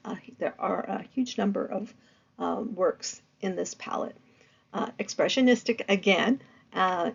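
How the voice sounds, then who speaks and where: A woman teaching an art history lecture in a conversational way, often pausing with ums and uhs and restarting her sentences. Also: medium pitch, gravelly, a little mellow, muffled recording.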